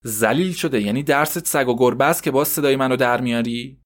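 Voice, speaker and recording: A man's voice: medium pitch, natural voice. Man doing a cursing, nagging mother. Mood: irritated. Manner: cursing, nagging, sharp-tongued. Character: scolding, short-tempered poor woman, mother.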